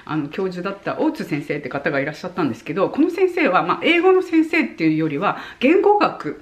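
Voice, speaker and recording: A woman in her forties, from Japan, talks casually to her viewers with lots of gentle filler words. Her voice rises and falls widely, so she sounds animated as she acts out how tone changes what words mean. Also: on the low side, fast talker. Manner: chatty, with many soft fillers and friendly asides; animated, demonstrating points with voice tone. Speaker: vlogger. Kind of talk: casual advice talk to camera.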